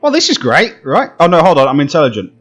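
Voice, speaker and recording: A man's voice: on the high side, wildly swooping pitch, fast, fairly bright tone. A man streaming a video game, making jokey, sarcastic asides in casual commentary.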